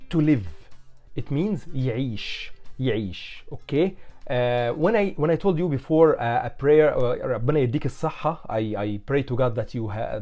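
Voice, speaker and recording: A male language teacher with an Egyptian Arabic accent explains basics to beginners, switching between English and his native Arabic. His voice is mid-pitched, very warm and relaxed. He repeats each word and phrase and often checks in with a short okay.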